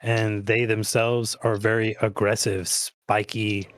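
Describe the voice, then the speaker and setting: A man's voice: on the low side, little pitch movement, slow pace. A young man narrating as game master, matter-of-fact with casual swearing.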